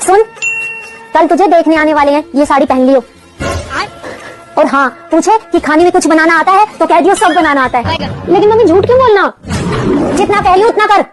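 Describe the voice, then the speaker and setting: A woman voicing chatty, animated comic characters in cartoon skits. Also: very high voice, a little fast, long pauses. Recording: background music under voice.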